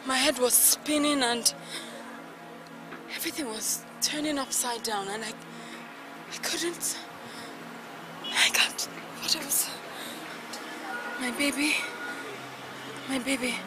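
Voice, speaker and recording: An actress with a Nigerian accent playing a wronged young wife who is recovering from madness. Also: female voice, high voice, a little slow, pauses often. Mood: dazed. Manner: dazed, then bitter and anguished. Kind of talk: Nollywood film acting. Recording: film soundtrack with loud music.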